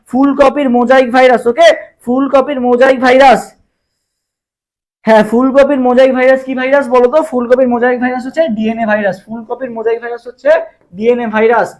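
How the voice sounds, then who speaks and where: Young bangladeshi guy tutoring online, high voice, talks fast, keeps repeating the question. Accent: Bangladeshi Bengali. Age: young adult. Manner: fast, repetitive quizzing of viewers, drills answers with memory tricks. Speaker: admission exam tutor. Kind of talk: live online exam-prep lesson.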